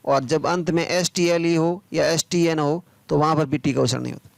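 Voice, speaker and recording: A man teaching English pronunciation. He spells each word out letter by letter, then says it slowly, and asks the viewer questions that he answers himself. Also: on the high side, steady tone, creaky, no room sound. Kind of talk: spoken English pronunciation lesson.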